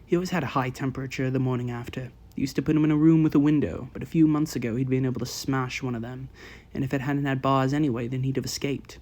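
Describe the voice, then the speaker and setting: A man narrates an audiobook at an even, measured pace, reading each sentence with care. His voice sits at a middle pitch for a man. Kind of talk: scripted narration.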